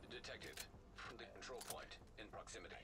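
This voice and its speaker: A brisk, fast-talking game mission agent. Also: male voice, mid-range voice, pushed and bright, husky. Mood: businesslike alert. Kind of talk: scripted game radio dialogue.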